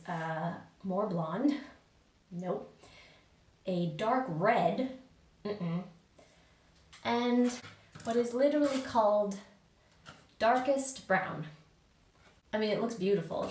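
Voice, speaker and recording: A woman vlogger chatting casually to viewers in a conversational way, recorded in an echoey bathroom. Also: a little high. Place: small indoor bathroom. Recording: echoey bathroom, distant mic.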